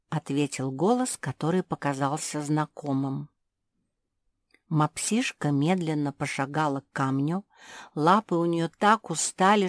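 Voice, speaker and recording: A woman narrating a children's storybook in a measured, expressive way. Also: deep voice, dry recording, studio quality. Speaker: audiobook narrator.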